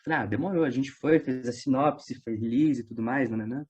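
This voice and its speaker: A Brazilian man who writes audio drama and works in voice dubbing chats casually as an interview guest. Fairly quick and medium-pitched with a breathy edge, he tells stories animatedly in slangy speech, acting out what people said.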